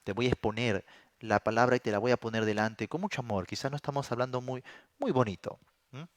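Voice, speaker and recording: A man's voice: medium pitch, fast, no echo, studio quality. A man, a pastor, teaching a Bible sermon in a plain, explanatory way, often asking rhetorical questions. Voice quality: says he suffers from a throat condition.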